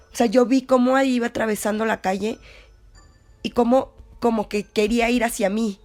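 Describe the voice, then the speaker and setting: Here a young Mexican-accented woman, the story's contributor, rambles through a personal anecdote with plenty of fillers and corrections of herself. Her pitch is fairly high, though her tone stays darkish.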